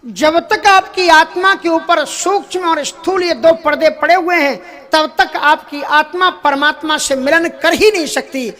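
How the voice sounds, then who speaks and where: Guy with a pretty high voice giving a religious talk, tells little stories, chuckles here and there. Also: unhurried, sharp tone. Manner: storytelling with anecdotes and chuckles, slips into English. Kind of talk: devotional katha sermon.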